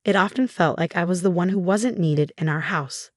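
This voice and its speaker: Woman, scripted story narration, steady even delivery, lowish voice, dry close sound. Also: normal speed, dry recording.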